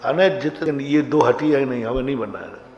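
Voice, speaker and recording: A man, a monk, teaching Sanskrit grammar to a class, quizzing students and chanting rules slowly. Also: medium pitch, darkish tone. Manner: questions the class and recites rules in slow chant. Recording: dull, roomy hall recording.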